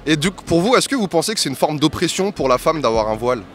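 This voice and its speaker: Fast-talking young man interviewing outdoors. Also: fairly high pitch, sing-song, fairly bright tone. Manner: quick, casual questioning. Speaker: street interviewer. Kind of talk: vox pop street interview. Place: busy city square outdoors. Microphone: handheld mic.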